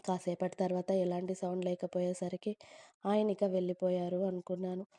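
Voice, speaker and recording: A woman telling a first-person romantic story in a gentle, emotional, confiding way. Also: fairly low pitch, monotone, brisk, dry recording.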